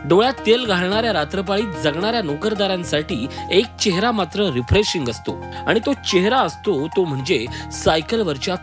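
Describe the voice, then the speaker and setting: A male reporter reading a descriptive, lyrical news feature narration. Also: sits high. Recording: voice-over with music bed.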